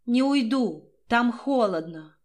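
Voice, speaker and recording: A woman voicing the ghost of a dead young woman, slow, calm and coaxing. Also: a little high. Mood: stubborn.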